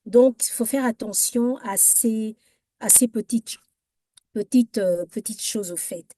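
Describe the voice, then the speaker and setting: A woman's voice: on the high side, slow, mellow, a little hiss or hum. A woman giving an informal workshop talk on etiquette, hesitant and full of fillers, setting wrong phrases against correct ones. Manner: hesitant, many fillers and restarts.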